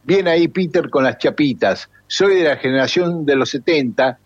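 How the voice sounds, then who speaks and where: Argentine radio cohost, kinda husky voice, dry muffled studio sound, chatty. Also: male voice, on the high side, moderate pace, no echo. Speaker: radio co-host. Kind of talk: casual radio chat reading listener messages.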